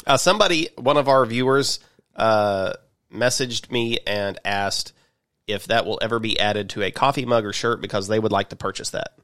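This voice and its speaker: A man's voice: fairly low pitch, normal speed, a bit bright, clean tone, no room sound, studio quality. Wry man chatting unscripted on a podcast. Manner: wry, self-deprecating. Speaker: podcast co-host. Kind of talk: natural unscripted talk, casual chat.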